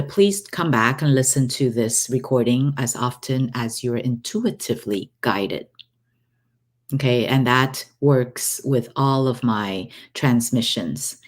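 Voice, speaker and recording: A woman giving a guided relaxation talk as an energy healer, halting and unhurried, with long pauses between phrases. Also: rumbling low. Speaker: energy healer hosting her own recordings.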